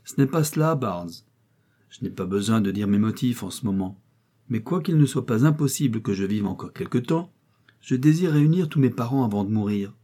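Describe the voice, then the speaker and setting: A man voicing an old, ailing, wealthy gentleman who is commanding and impatient, in an audiobook reading. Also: mid-range voice, animated, brisk, close to an everyday voice.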